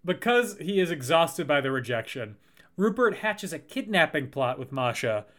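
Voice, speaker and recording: A man's voice: fairly high pitch, moderate pace. A man co-hosting a casual podcast, recounting a film's plot and acting out lines from it. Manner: recounts plot, acts out quotes with lively jumps. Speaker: podcast co-host. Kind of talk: casual film recap chat.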